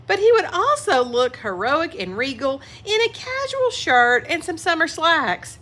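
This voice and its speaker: Animated, bright-voiced woman reading aloud. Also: very high-pitched, a little slow. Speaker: children's story reader. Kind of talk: expressive picture-book read-aloud with asides to young listeners.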